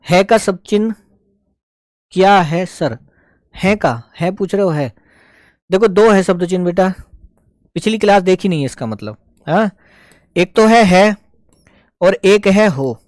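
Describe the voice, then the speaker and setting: A man's voice: high-pitched, expressive, measured pace, long pauses, no room sound. Patient man teaching shorthand, dry close sound. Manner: patient, explains step by step, addresses students as beta. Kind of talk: live online class.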